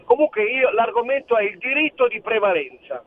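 A man's voice: very high-pitched, animated, fairly quick, no echo. A man from Friuli Venezia Giulia calling in to a radio show over the telephone, talking in long winding sentences. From Friuli Venezia Giulia, Italy. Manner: winding, theorizing, loose sentences. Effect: heard over a telephone line. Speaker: radio caller. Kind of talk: rambling phone-in call. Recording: tinny phone line with faint hiss.

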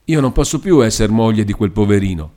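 A man's voice: fairly low pitch, lively intonation, fairly quick, mellow, voice pushed up, close to an everyday voice. A man voicing Lucia, a devout tearful young woman. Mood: pleading.

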